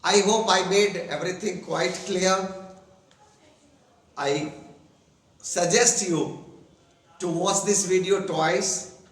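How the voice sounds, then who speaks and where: A man teaching a grammar lesson, explaining slowly and deliberately with repeated examples. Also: high voice, fairly even intonation, far from the mic. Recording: echoey room, speaker away from mic.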